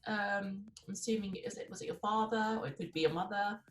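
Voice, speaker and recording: A woman's voice: medium pitch, fairly even intonation, fairly quick, reverberant, faint music behind. A woman hosting an interview, chatty and teasing, laughing often. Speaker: interview host. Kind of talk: casual interview chat.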